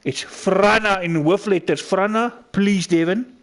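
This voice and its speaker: A man's voice: sits high, unhurried. A South African man with an Afrikaans accent, giving casual live commentary on a sim racing stream. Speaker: esports race commentator.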